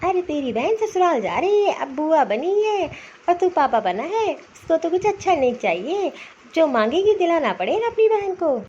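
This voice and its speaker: A woman's voice: very high voice, sing-song, normal speed, a little mellow, a little hiss or hum. A woman voicing a lazy, dismissive older mother-in-law in a cartoon story, scolding and brushing off requests. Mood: cheerful. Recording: slightly dull lo-fi recording.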